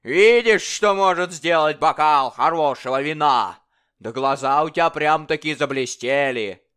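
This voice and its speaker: A cruel, boisterous king roars and taunts in a storybook reading, his voice raised high and loud as a man acts him out. The tone stays smooth and resonant beneath the bluster, all bullying mockery. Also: unhurried. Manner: bellowing, mocking, booming laughter.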